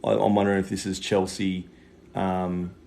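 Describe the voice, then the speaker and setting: Deep, gravelly New man. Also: flat delivery, moderate pace, mellow. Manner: sweary, slangy, matey. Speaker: psychic medium giving live readings. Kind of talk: casual livestream chat. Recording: clear background noise.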